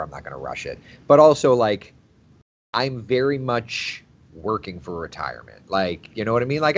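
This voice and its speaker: On a casual livestream, a thirty-something TV meteorologist talks with viewers and reads out their comments, quick to laugh and prone to repeating phrases. His voice is on the low side, with slight background noise behind it.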